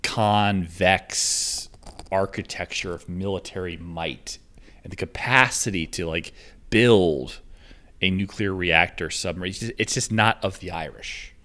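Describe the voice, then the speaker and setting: Man, livestreamer, lowish voice, rambling, crude, swears a lot, full of fillers. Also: measured pace, pushed and bright. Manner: rambling and profane, with frequent fillers. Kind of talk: casual livestream rant.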